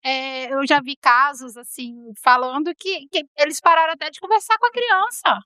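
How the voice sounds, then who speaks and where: A woman's voice: high voice, moderate pace, pushed and bright, no room sound, studio quality. A woman hosting a podcast interview, asking questions and adding short points. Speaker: podcast host.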